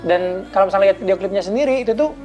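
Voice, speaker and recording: A woman's voice: medium pitch, animated, racing, dark tone, faint music behind. A young adult woman hosting a casual TV interview, chatty and upbeat as she turns to the viewers. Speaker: TV show host.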